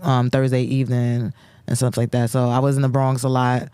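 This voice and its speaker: A woman's voice: a bass voice, level tone, brisk, dark tone, clean tone, no echo. A woman in her thirties with a Jamaican accent mixed with New York, blunt and casual, telling stories as a podcast co-host. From Jamaica and New Jersey. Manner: blunt, swears casually, storytelling. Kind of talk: casual chat.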